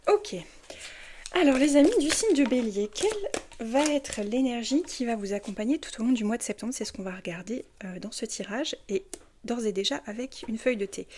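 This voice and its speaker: A woman's voice: fairly high pitch, a little mellow. A woman giving a casual monthly tarot reading. She hesitates and stumbles over her words, with many fillers. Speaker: tarot reader.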